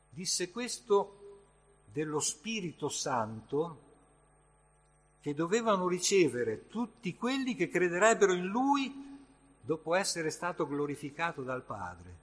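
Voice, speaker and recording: Male preacher, slightly high, husky voice, unhurried emphatic sermon, long hall reverb. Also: very animated. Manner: slow, emphatic delivery with sudden surges in loudness.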